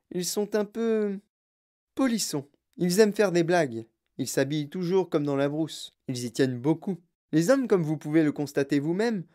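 Eccentric chocolate factory owner as a reader puts him on, storybook figure, lively swooping pitch, animated telling. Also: close to an everyday voice.

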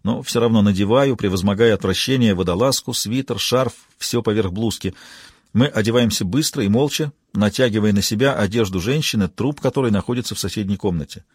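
A man reading a novel aloud in steady, even scripted narration. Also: fairly low pitch, brisk, husky, no room sound, clean studio sound. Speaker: audiobook narrator.

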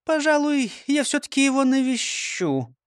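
A man's voice: very high voice, big pitch swings, moderate pace, dry recording, clean studio sound, pitched above the performer's own voice. A man voicing a prim, easily offended townswoman in a children's audiobook. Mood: determined. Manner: huffy, pursed-lipped. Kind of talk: audiobook character voice.

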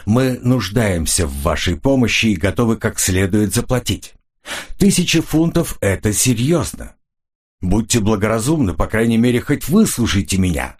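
A man voicing a calm, persuasive Englishman who bargains politely in an audiobook. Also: medium pitch, husky.

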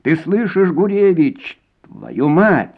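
A man's voice: mid-range voice, sing-song, a little slow. A man reading a story, voicing a harsh middle-aged woman police colonel who barks orders. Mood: furious. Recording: tinny phone-like sound.

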